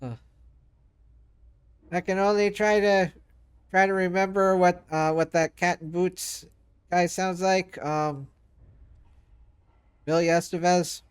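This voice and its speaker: A man's voice: high voice, steady tone, slow pace, pauses often, smooth. A man streaming a game, reading its dialogue aloud and stumbling over foreign words with self-mocking asides.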